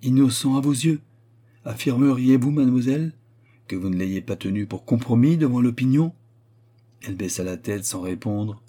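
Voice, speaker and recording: A man narrating a story aloud in a measured, dramatic way. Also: mid-range voice, animated, dark tone. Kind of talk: audiobook narration.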